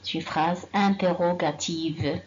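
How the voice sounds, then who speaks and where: A woman teaching a grammar lesson to young children, slow and patient, repeating sentences and quizzing the class. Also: lowish voice, steady tone, muffled recording, slight background noise. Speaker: primary school teacher.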